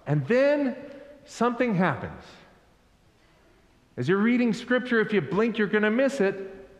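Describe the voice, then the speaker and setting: A male pastor preaching an Easter sermon in a slow, deliberate way. He asks the congregation to repeat lines after him. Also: high-pitched, very animated. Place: church sanctuary. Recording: echoey hall with long reverb.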